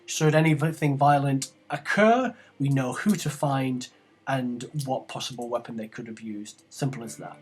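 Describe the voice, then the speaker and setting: A man voicing a gruff male city gate guard who is polite but suspicious as he questions travellers. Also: mid-range voice, moderate pace, natural voice. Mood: smug.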